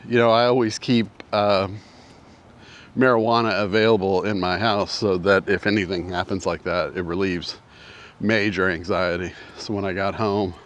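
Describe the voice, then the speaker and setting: A man in his sixties telling a personal story in a casual, rambling way, out of breath and often repeating himself. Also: lowish voice. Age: 60s. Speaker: vlogger. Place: outdoors with mountains in view.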